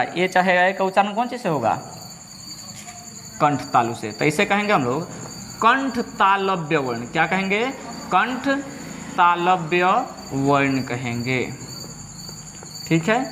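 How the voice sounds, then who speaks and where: A man teaching a grammar lesson, asking questions and then repeating each answer slowly for his students. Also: sits high, a bit bright, big-room sound, a little hiss or hum.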